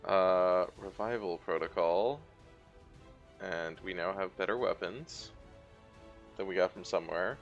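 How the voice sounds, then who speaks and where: Creaky low-voiced man commenting on gameplay. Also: measured pace, pauses often, muffled recording, faint music behind. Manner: muttering, thinking aloud. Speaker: video game streamer.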